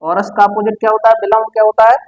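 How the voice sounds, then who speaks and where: Male tutor, high-pitched, drilling students with repeated questions; muffled lo-fi recording. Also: little pitch movement, fast talker, soft background music. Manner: quizzing the listener with repeated questions. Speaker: teacher. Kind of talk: exam-prep Hindi vocabulary lesson. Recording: dull lo-fi sound.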